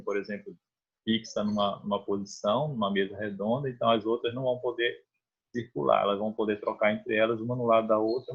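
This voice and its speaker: A husky-voiced Brazilian man teaching math in a relaxed, conversational way. He keeps checking that students follow and restarts phrases as he works through each step. The audio is dull and lo-fi, like an online class recording. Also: fairly low pitch. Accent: Brazilian Portuguese. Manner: explains step by step, often checks with "né?" and "tá?".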